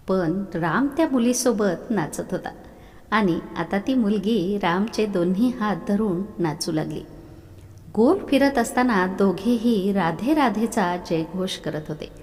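A woman's voice: mid-range voice, darkish tone. Storytelling woman with a long reverb. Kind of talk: story narration.

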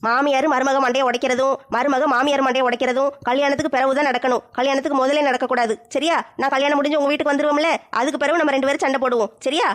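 Brash fast-talking woman doing comic sketch. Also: high-pitched, steady tone. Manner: brash and mocking. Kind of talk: village comedy sketch acting.

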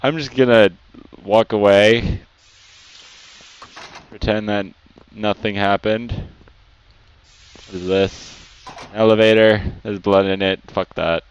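A man's voice: lowish voice, steady tone, a little slow, smooth. A young man giving casual, nervous commentary as a scared horror game streamer, muttering to himself. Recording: dull lo-fi mic, light background noise.

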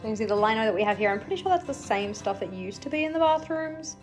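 A woman's voice: a little high, lively intonation, fast talker, soft background music. A young woman gives a casual, chatty tour of her house with wry asides, filmed on a phone at arm's length. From New Zealand. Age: young adult. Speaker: vlogger. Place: house, indoors, moving room to room. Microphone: phone held at arm's length.

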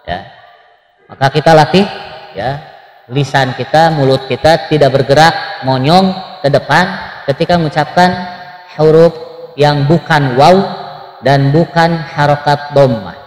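Slow, higher-voiced man teaching tajweed. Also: echoey room, big-room sound, rough recording. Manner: chanting examples slowly between plain explanations; gently correcting students one by one. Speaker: Quran recitation teacher. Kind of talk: online tajweed lesson.

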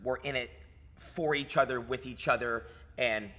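A man's voice: medium pitch, fairly even intonation, normal speed, pushed and bright. A man in his thirties, a fitness coach talking in a casual podcast chat, hyped and swearing, saying "dude" and "like" a lot, recorded in a gym lounge. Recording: reverberant gym room.

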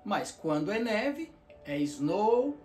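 A man's voice: high voice, big pitch swings, darkish tone. A man teaching vocabulary in a bilingual lesson, repeating each word and checking in with "ok?". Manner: repeats words slowly, checks in with "ok?". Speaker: language teacher. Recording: roomy echo, faint guitar music.

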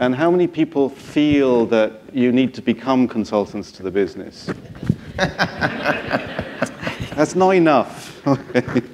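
A man moderating a conference panel on stage, brisk and engaging the audience with questions. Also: mid-range voice, expressive, noisy background.

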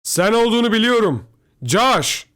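Man playing desperate father yelling from far off, high and loud, horror tale. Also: big pitch swings, normal speed. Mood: shouting. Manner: shouting, distant-sounding. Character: father's voice calling from the dark, desperate.

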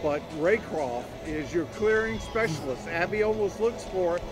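A man's voice: high voice, expressive, moderate pace, music in the background. A man interviewing athletes after a game, asking enthusiastic, leading questions packed with stats. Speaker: sports interviewer.

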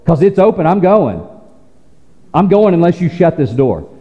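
A high-voiced man delivers a sermon in a conversational, teasing style, often restarting his sentences. His voice carries a long church reverb, and the recording sounds dull and lo-fi. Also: very animated. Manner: conversational preaching, teasing asides, quick restarts. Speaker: pastor. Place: church sanctuary.

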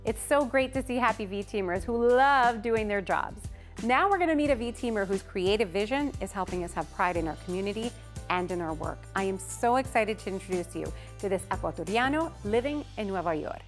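A woman's voice: medium pitch, animated, a little fast. A woman hosting a company show in a studio, presenting a scripted link in an upbeat way. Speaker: host. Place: studio set. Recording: music underneath.

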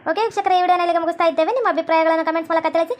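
A woman channel host giving a brisk sign-off to viewers. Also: very high voice, fairly even intonation. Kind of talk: video outro.

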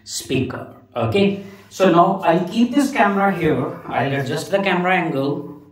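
A man's voice: sits high, animated, normal speed. A man in his forties with a North Indian accent, casually presenting a tech demonstration and often tagging his sentences with "okay". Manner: repeats phrases, tags sentences with "okay". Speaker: tech vlogger. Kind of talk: casual product demonstration to camera. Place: indoor room at home. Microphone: wireless lavalier, partly heard through a speaker. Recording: roomy, distant mic, music behind.

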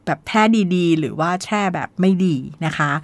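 A woman's voice: low-pitched, fairly even intonation, normal speed, dry recording. A woman hosting a podcast, explaining new slang in a chatty, polite way and acting out the quoted phrases. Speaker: podcast host. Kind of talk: casual explainer talk.

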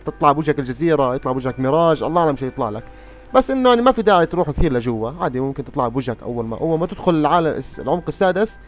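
A young man giving excitable live gameplay commentary, often exclaiming at surprises, with game music behind him. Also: on the high side. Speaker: gaming youtuber.

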